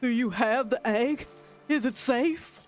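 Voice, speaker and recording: A woman reading game dialogue aloud, voicing a formal, dignified forest guardian with stately, old-fashioned phrasing and a measured delivery. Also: a little high, soft background music. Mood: relieved. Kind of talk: reading video game dialogue in character voices.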